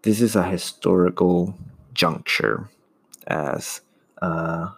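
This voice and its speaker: Low gravelly-voiced man podcasting. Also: slow pace. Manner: earnest, searching for words with restarts. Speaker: solo podcast host. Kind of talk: casual opinion monologue.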